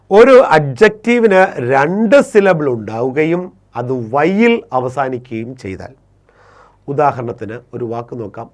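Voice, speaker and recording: Lively teacher explaining grammar step by step. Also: male voice, fairly high pitch. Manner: explains step by step, repeats and self-corrects; slows and stretches English rule sentences. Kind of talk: explaining an English grammar lesson.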